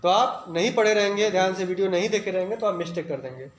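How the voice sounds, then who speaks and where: A male grammar teacher with an Indian English accent, dictating slowly and repeating words for students in a video lesson. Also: high-pitched. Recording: echoey room with faint ambient noise.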